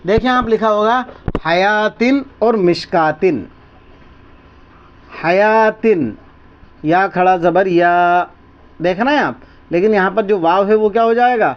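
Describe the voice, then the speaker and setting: A man's voice: sits high, slow, long pauses. Guy teaching quran reading, asks then answers himself, patient, kinda muffled lo-fi sound. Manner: patient, repeats each word and quizzes the listener. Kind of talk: step-by-step lesson with call-and-response questions.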